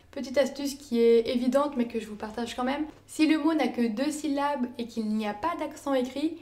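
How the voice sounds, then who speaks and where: High-voiced woman explaining a lesson. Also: a little mellow. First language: French. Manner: clear, careful explaining with spoken example words. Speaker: language learner teaching Italian. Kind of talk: scripted lesson narration.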